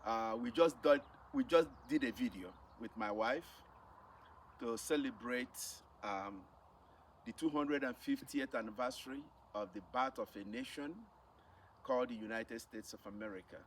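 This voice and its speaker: A middle-aged Nigerian-accented man shares his personal testimony as a missionary, telling his story to camera in a medium-pitched voice at a moderate pace. He speaks emphatically and repeats phrases for effect. The mic is distant, with faint background noise.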